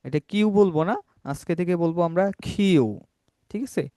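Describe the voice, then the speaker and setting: A Bangladeshi man teaching English pronunciation in an online class, slowly modelling sounds and often checking that the class is following. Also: high-pitched, dark tone, no echo, clean studio sound. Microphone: laptop or video call mic.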